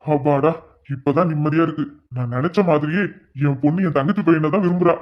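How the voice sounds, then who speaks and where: A voice actor playing a middle-aged father in a cartoon who is pleased his daughter loves his nephew, speaking in a smug, drawn-out way. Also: medium pitch, close to an everyday voice. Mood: relieved. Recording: dull lo-fi recording.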